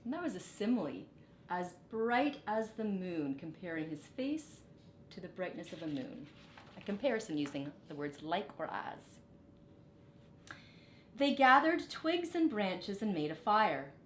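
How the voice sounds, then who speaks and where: A middle-aged woman reads a storybook aloud the way a teacher would, deliberate and expressive, adding short explanatory asides. The recording has a roomy echo and a faint rumble in the background.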